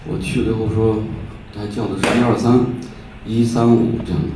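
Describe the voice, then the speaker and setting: A man from Xi'an talks informally on stage as a musician, haltingly and with many pauses. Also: lowish voice, steady tone. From Xi'an, Shaanxi, China. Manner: halting, pausing often. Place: stage in a hall. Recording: echoey hall, distant mic, faint noise.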